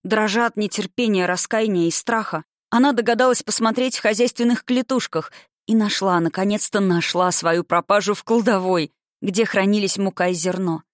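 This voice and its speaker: An audiobook narrator in a smooth, measured storytelling manner. The pitch sits in the middle, and the sound is dry and close with no room around it. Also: dry recording. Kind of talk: scripted narration.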